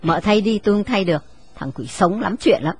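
Woman doing a blunt older servant woman, husky grumbling. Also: medium pitch, expressive, fairly quick. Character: sharp-tongued older female servant.

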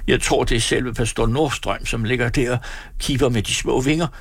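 A man's voice: fairly low pitch, expressive, fairly bright tone, husky, no echo, exaggerated voice. A man reading an audiobook, voicing a coarse schemer who hisses curses and gushes with put-on piety in a raised, broken dialect. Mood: mock-pious gushing. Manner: hissing, whispered cursing; mock-pious, gushing put-on dialect.

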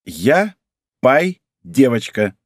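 A man's voice: mid-range voice, big pitch swings, very slow, no echo, studio quality, exaggerated voice. A man reading an audiobook, voicing a playful, haughty girl in a sing-song, mock-pompous way. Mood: playful boasting.

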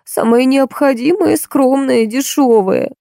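A woman's voice: high voice, a little slow, vocal fry, dark tone, no room sound, clean studio sound, voice pushed up. A woman reading an audiobook, voicing a whining, begging old woman with a cracked, tearful voice. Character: whiny, wheedling old woman, a drinking pensioner.

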